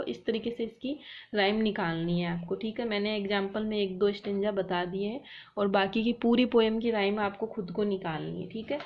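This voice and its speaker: A woman teacher leads an online literature class in a mid-pitched voice, drilling words with loud, drawn-out calls. She scolds her students for not replying. The recording sounds a little dull and lo-fi.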